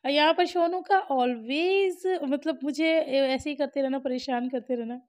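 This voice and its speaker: High pitched indian mom vlogging at home, chatty, laughs a lot, goes soft when she gets thoughtful. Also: a little slow. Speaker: family vlogger, mother. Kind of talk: casual home vlog chat.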